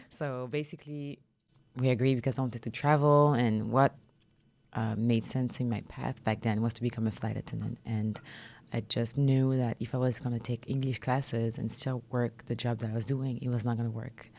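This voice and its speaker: A woman in her thirties from France, a guest chatting softly and hesitantly with frequent little laughs. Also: extremely low pitch, steady tone, moderate pace, a little hiss or hum. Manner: soft-spoken, laughs often, hesitant fillers. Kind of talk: casual interview chat.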